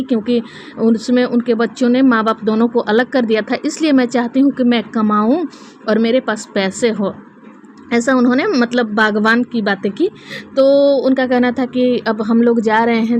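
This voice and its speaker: A woman with a somewhat high voice talks through a reaction video in a loose, chatty way. She scolds as she goes and often stalls on fillers and restarts. A faint hiss of noise sits under her voice. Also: darkish tone. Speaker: reaction vlogger. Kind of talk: casual critical commentary.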